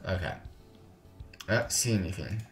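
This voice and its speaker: Low-voiced casual gaming YouTuber. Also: male voice, expressive, normal speed, echoey room, faint music behind. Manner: casual, rambling, self-correcting. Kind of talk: let's play commentary.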